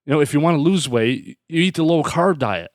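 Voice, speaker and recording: A man's voice: fairly high pitch, lively intonation, brisk, no room sound. Fired-up man ranting in a dry room. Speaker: podcast host. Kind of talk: solo podcast rant.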